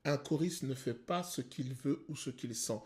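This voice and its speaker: A male vocal coach explaining singing technique to viewers, pausing to sing short examples. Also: mid-range voice, a little mellow. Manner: explanatory, addresses viewers, sings short demos. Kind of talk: vocal analysis video commentary.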